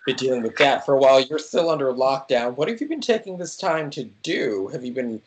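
A man's voice: medium pitch, lively intonation, fairly quick. A man hosting a casual interview over a video call, asking several questions in a row. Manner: inquisitive, asks several questions at once. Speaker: interviewer, host. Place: indoors at home. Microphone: earphones with a wired mic on a video call.

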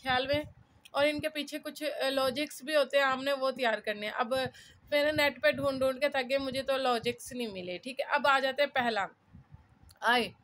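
A woman's voice: high-pitched, steady tone, brisk, a bit bright. A woman studying at home who talks through her own notes in a casual, chatty way, often checking in with listeners and thinking aloud. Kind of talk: casual self-made lesson, explaining while writing characters. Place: cluttered room at home.

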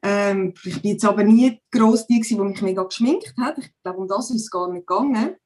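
Speaking briskly in a mid-range, slightly dark voice, a woman in her forties from Zurich, Switzerland chats as a podcast guest. Her Zurich Swiss German accent comes through on the video call from a home room, and her speech is full of hesitant fillers.

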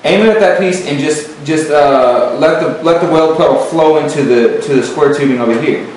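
In a metal workshop, a male welding instructor gives a hands-on lesson plainly, with many fillers and repeated words. His voice is fairly high and darkish at a moderate pace, recorded from a distant mic in a very echoey space with slight background noise.

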